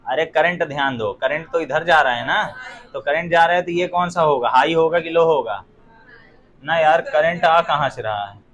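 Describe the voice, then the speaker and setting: A man's voice: on the high side, moderate pace, a bit bright. A young man teaching physics in a classroom, firing rhetorical questions at his students and throwing in joking asides. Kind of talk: classroom lecture.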